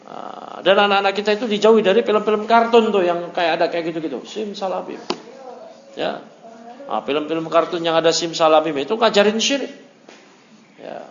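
A man's voice: on the high side, gravelly. Indonesian male preacher in an echoey hall. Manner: lively, conversational preaching with rhetorical questions. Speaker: Islamic teacher. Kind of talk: religious study lecture. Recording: echoey, dull amateur lecture recording.

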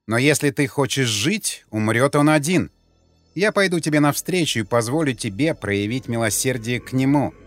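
A man voicing a cruel female leader of warrior women, speaking in an eerily calm, menacing way over faint music. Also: mid-range voice, normal speed, no room sound, close to an everyday voice.

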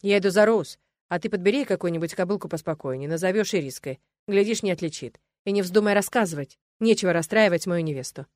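A woman's voice: lowish voice, quick pace, darkish tone, no room sound, clean studio sound, natural voice. A woman voicing a cold, stern male necromancer lord in an audiobook, clipped and speaking through his teeth. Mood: commanding. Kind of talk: audiobook character voice.

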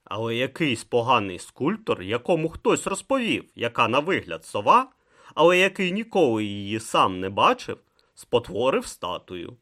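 An audiobook narrator reading with dramatic, expressive delivery. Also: medium pitch, normal speed.

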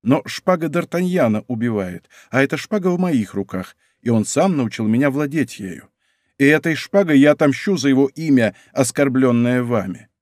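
Audiobook role: man reading a stern young nobleman, low-key, icy, measured, dry sound. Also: no room sound, natural voice. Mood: cold. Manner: calm, cold, measured speech. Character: cool, honorable young viscount, controlled and stern. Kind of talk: audiobook character voice.

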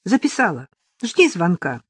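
A woman voicing an excited, loyal male friend calling on the phone in an audiobook, speaking in quick exclamations. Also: fairly low pitch, husky, no echo, clean studio sound, heavily acted. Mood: caring.

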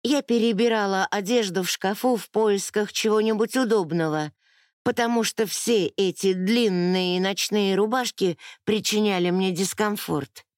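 Woman, audiobook narrator, first-person novel, slow measured delivery, mid-range voice, dry close sound. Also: medium pitch, no echo.

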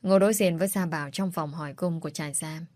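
A woman narrating a read-aloud story in a steady storytelling manner. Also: low-pitched, fast talker, no room sound.

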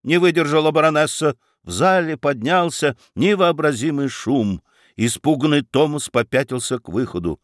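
A man's voice: on the high side, lively intonation, moderate pace, no echo, studio quality. A man narrating a story expressively as a dramatic reader.

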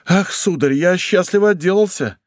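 A man's voice: high-pitched, very animated, brisk, no room sound, clean studio sound, pitched above the performer's own voice, exaggerated voice. A man voicing a shaken, meek servant who speaks fearfully. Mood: frightened. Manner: fearful, breathless.

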